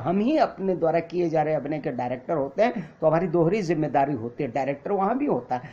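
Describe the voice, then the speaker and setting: A man with a fairly high, slightly mellow voice lectures an acting class, explaining patiently in Hindi mixed with English terms. It's a dull lo-fi recording.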